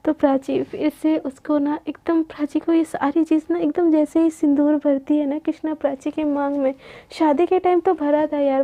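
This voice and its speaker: A woman narrating a love story in a chatty, casual way, in a dull lo-fi recording. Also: high voice. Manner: chatty, mixes in English words.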